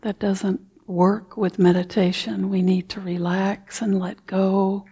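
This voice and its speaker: A woman guiding a meditation in a soft, unhurried voice, leaving long pauses and sometimes easing into a whisper. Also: mid-range voice, little pitch movement, slightly rough. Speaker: meditation teacher. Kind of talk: guided meditation.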